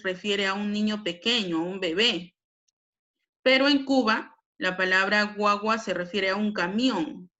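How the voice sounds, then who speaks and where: A woman's voice: medium pitch, pushed and bright. A Peruvian woman teaching a language lesson, explaining patiently with frequent tag questions. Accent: Peruvian Spanish. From Peru.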